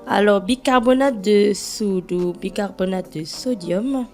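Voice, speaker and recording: A woman's voice: medium pitch, a little slow, a little mellow, faint music behind. A woman, co-hosting a morning radio show in a studio, playful and full of teasing stories. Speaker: radio co-host. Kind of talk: joking radio banter.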